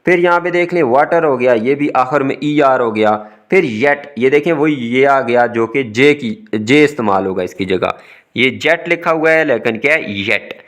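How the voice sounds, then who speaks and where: A man's voice: medium pitch, moderate pace, a bit bright. A man with a Pakistani Urdu accent teaching a recorded exam-prep English lesson, patiently explaining each word step by step.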